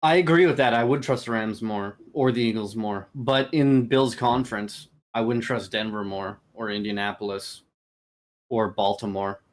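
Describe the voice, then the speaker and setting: A man co-hosting a sports podcast, excitable and laughing often as he hypes his picks in casual chat. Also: lowish voice, normal speed, a little hiss or hum. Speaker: podcast co-host.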